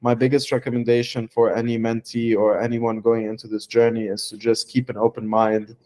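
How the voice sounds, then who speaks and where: His pitch is medium and his intonation level, with a slightly mellow quality. He's a young startup founder from Lebanon giving a testimonial interview, and he speaks haltingly, with frequent fillers and restarts.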